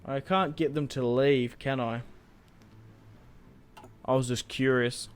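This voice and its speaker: Slow and smooth, a young gaming YouTuber's mid-range voice holds a steady tone while he chats and rambles through a strategy game in casual let's-play commentary, letting a swear slip here and there.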